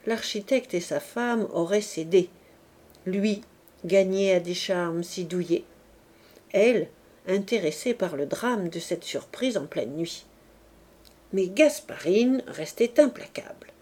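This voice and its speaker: A woman reading a classic novel aloud in a slow, measured narration. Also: medium pitch, mellow. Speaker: audiobook reader.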